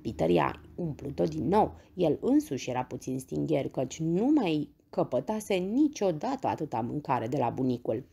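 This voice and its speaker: Woman reading a bedtime story, low husky voice, bit of gravel, lots of lilt. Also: few pauses. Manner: gentle, expressive reading.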